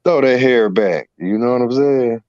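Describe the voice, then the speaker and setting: A man's voice: medium pitch, moderate pace, a little mellow, no echo, dull audio. A man, rambling and using lots of filler phrases in a casual spiritual talk. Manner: rambling, with many fillers and "you know what I'm saying". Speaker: co-host.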